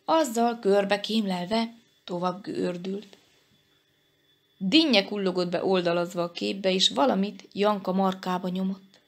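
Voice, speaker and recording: A woman librarian reading a children's story aloud in a gentle, measured way. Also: mid-range voice.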